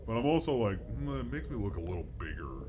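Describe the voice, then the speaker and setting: A man's voice: lowish voice, big pitch swings, quick pace. A man co-hosting improvised comic role-play with crude, bantering chat. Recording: clearly noisy background.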